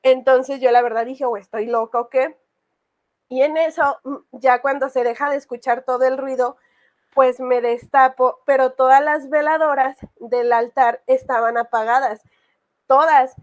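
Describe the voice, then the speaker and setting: A woman's voice: high-pitched, steady tone, moderate pace. A woman casually telling a personal horror story, rambling with many fillers. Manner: rambling, full of fillers and restarts.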